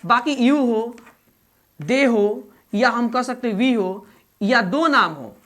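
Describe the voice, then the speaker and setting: A woman teaching English grammar in Hindi. She repeats each example slowly and quizzes the learners as she goes. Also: a little high, a bit bright. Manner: addresses learners fondly as "babu". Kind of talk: Hindi-medium classroom grammar lesson.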